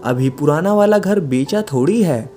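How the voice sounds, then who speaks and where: A man's voice: a little high, normal speed, faint music behind, pitched above the performer's own voice, natural voice. A man doing a cheerful, coaxing father. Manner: coaxing, relaxed. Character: cheerful easygoing father of two.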